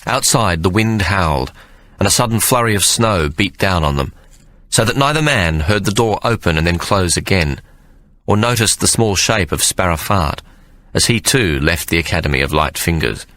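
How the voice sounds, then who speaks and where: A man narrating an audiobook in a measured storytelling manner. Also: low voice, expressive, fairly bright tone, dry recording. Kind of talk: scripted narration.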